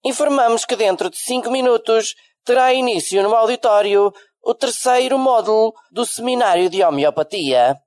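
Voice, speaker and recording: A woman playing a school announcer, speaking over an intercom in a formal, measured way. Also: fairly high pitch, darkish tone, dry recording, studio quality.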